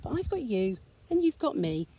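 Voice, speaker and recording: A woman voicing a kind, steady male bear in a storybook read-aloud, calm and reassuring. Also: fairly high pitch, moderate pace, slight background noise, pitched above the performer's own voice.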